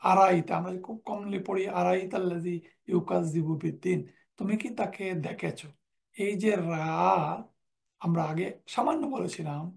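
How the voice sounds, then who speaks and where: A man's voice: sits high, vocal fry. A man teaching Quranic Arabic in a recorded lecture, reciting verb forms one after another and quoting Quran verses in between.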